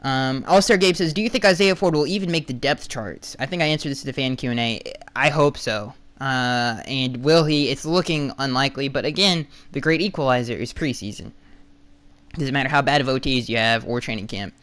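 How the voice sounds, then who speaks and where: A young man hosting a casual solo podcast, answering fan questions bluntly with lots of restarts, his voice going hoarse. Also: medium pitch, a little fast, fairly bright tone. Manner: rambling, restarts and fillers, blunt opinions. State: losing his voice.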